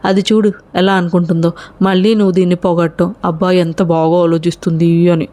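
A woman voicing a hot-headed young college man who talks in a gruff, threatening way. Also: on the low side, level tone, brisk, dark tone, close to an everyday voice. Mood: angry.

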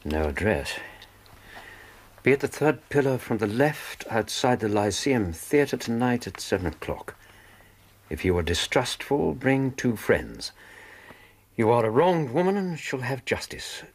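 Loyal English gentleman doctor, earnest and gallant, husky tone, expressive pitch. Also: measured pace, heavily acted. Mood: reading aloud. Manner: gallant, earnest, easily indignant. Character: warm-hearted, gentlemanly male English doctor, detective's loyal companion. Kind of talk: radio drama acting.

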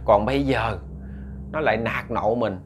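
A man's voice: mid-range voice, measured pace, slight background noise. A young man with a Southern Vietnamese accent narrating a ghost story, chatty and speaking straight to his listeners. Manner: chatty, addresses listeners directly. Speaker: storyteller host.

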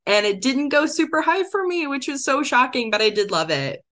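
A woman co-hosting a podcast, chatting casually and reading through a quick list with enthusiasm. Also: sits high, expressive, fairly bright tone. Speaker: podcast co-host. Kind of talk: casual chat.

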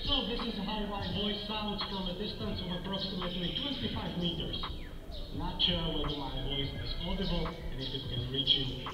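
A man's voice: high voice, normal speed, over loud music. A man giving a spoken test demonstration through a gas mask with a voice amplifier, in a large derelict industrial hall. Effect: muffled gas mask with voice amplifier. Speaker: product tester. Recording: dull, very noisy location sound.

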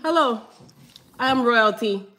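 A woman in her thirties chatting casually at a table, teasing her family with deadpan made-up facts and laughing often. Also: a little high, unhurried. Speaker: vlogger. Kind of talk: casual chat while eating. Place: small room with curtain backdrop.

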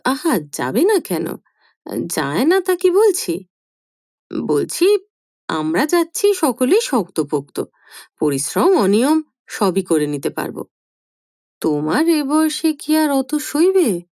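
A woman voicing a grown son in a storybook reading, hurried and sheepish, talking too much to cover his unease. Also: fairly high pitch, big pitch swings, darkish tone, no echo, clean studio sound. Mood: flustered. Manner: hurried, over-explaining, sheepish. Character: anxious grown son, eager and flustered. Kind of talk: audiobook character voice.

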